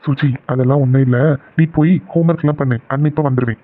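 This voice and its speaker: A man voicing a calm, protective elder brother in a cartoon series, speaking in a soothing way. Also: mid-range voice, quick pace, slight background noise, natural voice. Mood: reassuring. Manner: soothing, reassuring. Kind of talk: cartoon voice acting. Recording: tinny phone-like sound.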